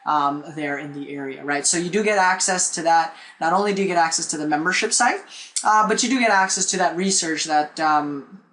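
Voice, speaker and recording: A man's voice: high voice, sharp tone. A man, teaching a live online marketing webinar in a chatty way and often checking in with "okay?" and "right?", recorded on a desk webcam in a small room. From Philippines. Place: small indoor room with a whiteboard.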